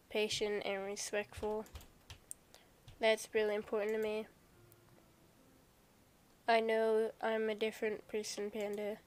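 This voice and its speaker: A woman voicing a shy, soft-spoken, bookish teenage girl who talks in a hesitant, self-doubting, gentle way. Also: mid-range voice, clear, resonant tone, natural voice.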